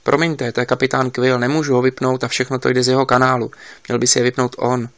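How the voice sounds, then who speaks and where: A man's voice: mid-range voice, little pitch movement, a bit bright, no echo, lightly acted. A man doing a polite, flustered assistant. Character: young male camera assistant, polite, flustered.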